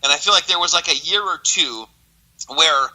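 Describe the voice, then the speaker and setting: A man in his thirties co-hosting a casual podcast, telling animated stories and acting out what people said. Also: fairly high pitch, moderate pace, low-quality recording. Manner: animated storyteller, acts out quotes. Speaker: podcast co-host. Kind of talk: casual chat.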